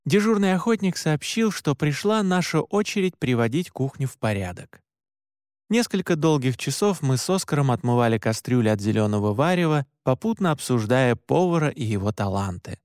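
A man reading a first-person story aloud as an audiobook narrator, in an even, measured way. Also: mid-range voice, no echo, clean studio sound.

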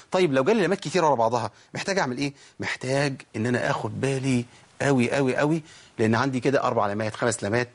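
A man with an Egyptian accent teaching Quran recitation rules, chatting quickly and asking his own questions, then reciting example words slowly. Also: medium pitch, slightly rough. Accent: Egyptian Arabic. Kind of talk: tajweed lesson with recited examples.

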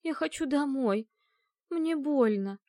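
A woman voicing a terrified dead woman called back as a ghost, moaning and pleading hoarsely. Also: high voice, animated, takes it slowly, mellow, no room sound, clean studio sound, voice pushed up, exaggerated voice.

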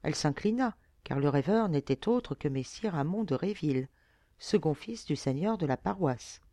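A woman narrating an audiobook with expressive storytelling. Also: low-pitched, moderate pace, dry recording, clean studio sound. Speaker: audiobook reader.

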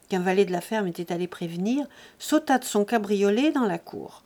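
A woman narrating a classic novel as an audiobook, in an even, measured storytelling voice. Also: mid-range voice.

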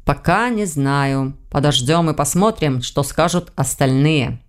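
A woman voicing a calm, thoughtful man investigator in an audiobook, dropping her voice and slowing down. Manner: slow, lowered, measured delivery.

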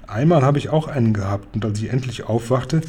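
A man reading a quiet curious little girl. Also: mid-range voice, brisk, a little hiss or hum, close to an everyday voice.

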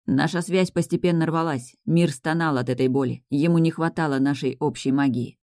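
A woman's voice: sits low, normal speed, warm tone, dry recording, studio quality, lightly acted. A woman voicing a devoted young male mage speaking tenderly and with regret to his beloved in a storybook reading. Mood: grave.

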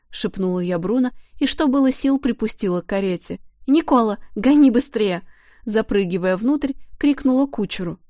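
A woman reading a first-person audiobook in a lively, expressive way. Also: medium pitch, no echo, studio quality. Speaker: audiobook narrator.

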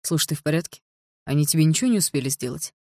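A woman's voice: deep voice, expressive, rapid-fire, no room sound, studio quality. A woman reading an audiobook, voicing a tough, protective teenage boy with a curt, threatening manner. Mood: concerned. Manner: curt and threatening, softening when gentle.

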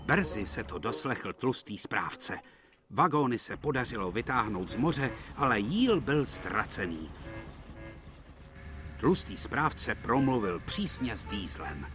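A man doing scripted storybook narration for a children's cartoon dub, reading in a lively, expressive way, with music behind. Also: fairly low pitch.

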